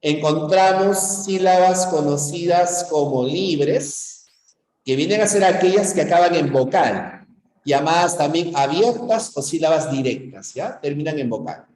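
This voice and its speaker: A Peruvian man with a Peruvian Spanish accent gives a pre-university grammar lesson, his voice on the high side and darkish, his pace measured. He stresses his points emphatically and keeps checking in with the class through frequent "¿ya?" and "¿no?". The room is echoey, with a long reverb.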